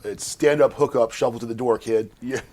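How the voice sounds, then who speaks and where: A man's voice: medium pitch, fairly even intonation, normal speed, darkish tone. A middle-aged man co-hosting a casual podcast chat. He is laid-back and dryly funny, often stumbling a little at the start of his sentences. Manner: laid-back, hesitant starts, dry humor. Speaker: podcast co-host.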